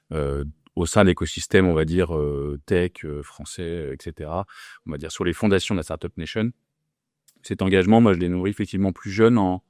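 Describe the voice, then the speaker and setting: A man's voice: deep voice, a little mellow, no echo, studio quality. A man of forty, a podcast guest, answering in casual talk with many fillers and restarts. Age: 40s. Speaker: podcast guest, entrepreneur and investor.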